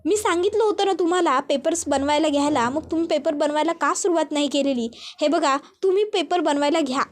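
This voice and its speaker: A woman's voice: high-pitched, fairly quick, a little hiss or hum, lightly acted. A woman voicing an anxious young man who urgently pleads and reassures in a retold serial story. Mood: pressing. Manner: urgent, coaxing, repeats pleas.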